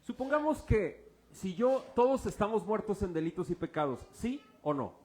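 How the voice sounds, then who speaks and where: A pastor preaches an informal, joking sermon, quizzing his congregation with fill-in-the-blank questions and using object illustrations. His voice sits high and darkish in tone, very animated, at a normal speed.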